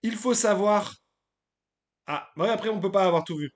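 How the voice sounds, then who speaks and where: A man with a fairly high voice runs a relaxed live stream. He chats loosely and gives his opinions, stopping often to hesitate and to greet people in the chat. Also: normal speed. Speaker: streamer hosting a live tier list. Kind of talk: casual live-stream chat, reading the chat aloud.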